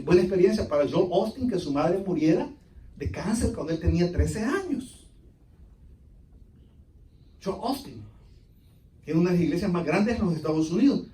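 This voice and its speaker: A man preaching a sermon in a high, very lively voice that swoops up and down, jumping from loud declarations to hushed asides. He is picked up from far off, and the church around him rings with echo. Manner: dramatic preaching, shifting between loud and hushed. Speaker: pastor. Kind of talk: Spanish-language sermon. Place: church sanctuary.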